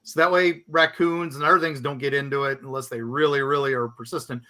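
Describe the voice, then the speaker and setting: A man co-hosting a podcast reads listener letters aloud and chats loosely with plenty of fillers. His mid-range voice is steady, bright and forceful, and he talks a little fast.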